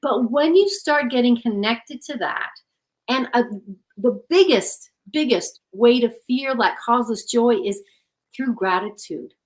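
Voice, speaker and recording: A woman's voice: on the high side, expressive, unhurried, low-quality recording. A middle-aged woman, an author being interviewed, speaking in an earnest, reflective storytelling way. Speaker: author and guest. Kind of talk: interview conversation.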